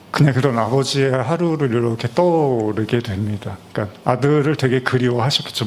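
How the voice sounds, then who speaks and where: A man's voice: mid-range voice, a little hiss or hum. A middle-aged male pastor delivering a Christmas sermon in a conversational, storytelling way with frequent fillers.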